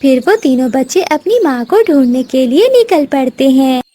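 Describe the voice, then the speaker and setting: A woman with a very high voice narrates a scripted children's story at normal speed. Her pitch rises and falls in a lively, animated way as she reads.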